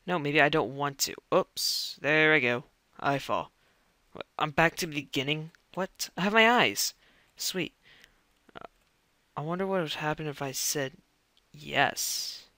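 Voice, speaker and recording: A young man narrates his gameplay out loud, drawling his words and reacting to the screen as he goes. His voice is gravelly with a bright, forceful edge, and it cracks now and then. A faint hiss sits under the recording. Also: on the high side. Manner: reacts loudly and talks to himself while playing. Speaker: let's play gamer. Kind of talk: gameplay commentary.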